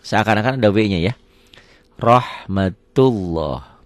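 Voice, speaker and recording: A man's voice: low voice, normal speed, darkish tone, dry recording. A middle-aged man teaching a Quran recitation lesson, patiently repeating words aloud and asking questions he answers himself. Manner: asks the class questions and answers them himself. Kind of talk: tajwid lesson.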